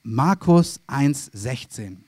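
A man's voice: medium pitch, expressive, extremely slow, darkish tone, breathy edge, no echo. A man preaching a sermon, moving between Bible reading and acted inner voices of everyday people.

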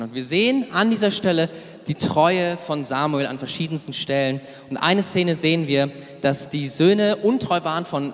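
A man preaching to young people, lively and casual, telling a story and acting out the characters' words. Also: on the high side, in a large hall. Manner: lively storytelling with acted quotes, casual asides; loses his place, searches notes aloud. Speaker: youth preacher. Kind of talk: sermon.

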